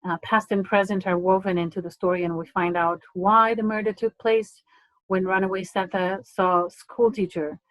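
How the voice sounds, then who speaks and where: A middle-aged woman from Romania, an English lecturer giving an online presentation in a measured way, pausing often with fillers. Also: medium pitch, fairly even intonation, no room sound, poor audio. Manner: measured, hesitant with frequent fillers.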